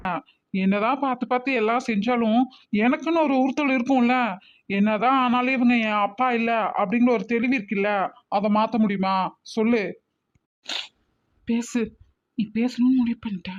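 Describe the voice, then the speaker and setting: A woman's voice: fairly high pitch, normal speed, long pauses, lightly acted. A woman voicing a bossy, scolding adult woman in a cartoon family drama, emphatic and full of rhetorical questions. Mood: pleading. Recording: slightly muffled recording.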